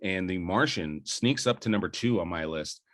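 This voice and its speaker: A man's voice: sits low, expressive, moderate pace, fairly bright tone. A young adult man co-hosting a podcast, debating movies enthusiastically and rambling with fillers and restarts. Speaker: podcast co-host. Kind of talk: casual film debate.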